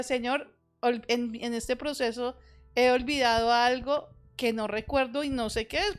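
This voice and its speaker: Smooth-voiced woman reflecting on faith. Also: a little high. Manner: reflective, self-deprecating humor, quotes her prayers. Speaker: church member in conversation. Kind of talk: casual chat on faith.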